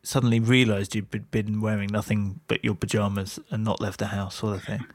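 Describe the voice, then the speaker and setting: A man hosting a podcast interview, asking questions in a playful, animated way. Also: fairly low pitch, a little fast, no room sound, studio quality. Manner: animated, playful, laughs with guest. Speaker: podcast host. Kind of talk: casual interview.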